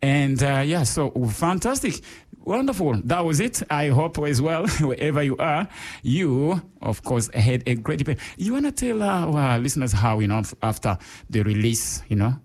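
A man from Rwanda co-hosting a casual radio chat show, talking in an animated way with many fillers. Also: fairly high pitch, moderate pace. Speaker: radio co-host.

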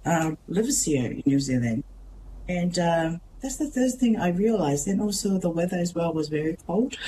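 A woman from Tonga with a Tongan accent, a teacher speaking as a guest in a radio interview, earnest and halting with many pauses and restarts. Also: fairly low pitch, warm tone, slight background noise, rough recording. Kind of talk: radio interview, personal story.

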